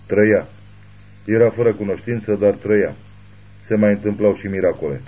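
A man narrating a thriller audiobook in a steady, grave reading. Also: on the low side, husky, muffled recording.

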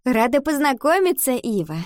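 A woman's voice: sits high, sing-song, moderate pace, a little mellow, no echo, studio quality. A woman reading the part of a vain, easily offended mother who gushes over a child and bristles about her age. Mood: gushing. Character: woman playing touchy vain mother Gundula.

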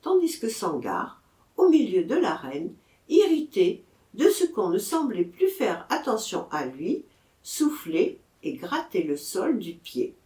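A woman's voice: wildly swooping pitch, dark tone, roomy sound. A woman reading a novel aloud as scripted narration, lifting her voice for the characters. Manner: unhurried reading, voicing the crowd and characters with raised pitch. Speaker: audiobook reader.

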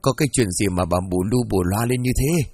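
A man's voice: lowish voice, lively intonation, a little fast, darkish tone, breathy edge, no echo, soft background music. A man voicing a cruel old landowner, half drunk, who slurs and grumbles. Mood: gruff. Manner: slurred, grumbling.

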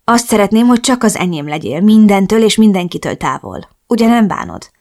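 A woman voicing a passionate young man on his wedding night, speaking in a soft, intimate way. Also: medium pitch, sing-song. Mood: tender. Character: Andrew, passionate young male groom.

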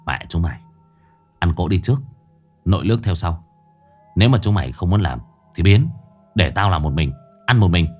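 A man voicing a bossy young gang leader who gives hushed, low commands. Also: lively intonation, normal speed, long pauses, soft background music. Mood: angry.

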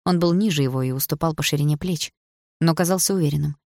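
A woman reading a story aloud as narrator in an even, measured way. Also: low-pitched, no echo, clean studio sound. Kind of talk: audiobook narration.

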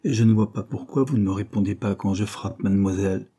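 A man's voice: on the low side, quick pace, warm tone, husky. A man reading an impertinent young girl in an audiobook, with a pert, complaining tone.

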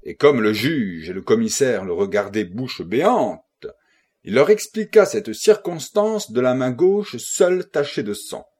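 A man reading a novel aloud as a first-person audiobook narrator, in an expressive, dramatic way. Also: medium pitch, unhurried, breathy edge. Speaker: audiobook reader.

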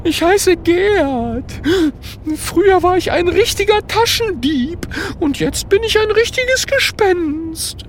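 A storybook narrator voicing a weepy ghost, once a pickpocket, who wails and sobs in a very high, strained voice. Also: slow, slight background noise, heavily acted. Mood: sobbing, self-pitying. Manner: wailing and sobbing. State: crying.

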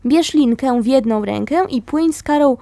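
A woman voicing a hearty young man who urges others on with brisk calls, read as part of a memoir. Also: very high voice, creaky, mellow, no room sound. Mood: urging.

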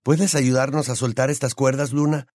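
A man's voice: mid-range voice, fairly even intonation, moderate pace, darkish tone, no echo, clean studio sound, pitched above the performer's own voice, natural voice. A man voicing a determined teenage boy in an audiobook, firm and urgent.

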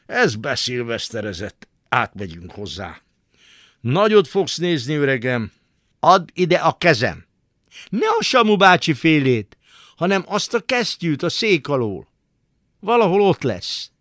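A man's voice: a little high, big pitch swings, a bit bright, no room sound, studio quality. A man putting on a brash cocky young man. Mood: boastful. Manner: rough, teasing, swears casually.

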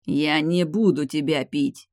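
A man's voice: on the high side, moderate pace, no room sound, lightly acted. A hot-tempered young vampire lord from an audiobook, as the male reader puts him on, snapping his words out angrily. The sound is dry and close. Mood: angry. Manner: angry, snapping.

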